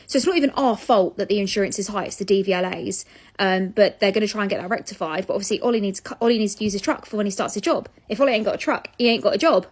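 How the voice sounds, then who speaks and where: Chatty young British woman venting. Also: medium pitch. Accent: British English. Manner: chatty, exasperated, swears casually. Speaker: vlogger. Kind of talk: casual storytelling to camera.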